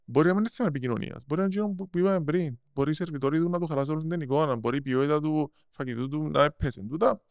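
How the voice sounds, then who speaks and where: A man with a Cypriot Greek accent explaining things in casual interview talk, halting and repeating words as he goes. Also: fairly high pitch, smooth, no echo, clean studio sound. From Cyprus. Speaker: podcast guest, marketing strategist.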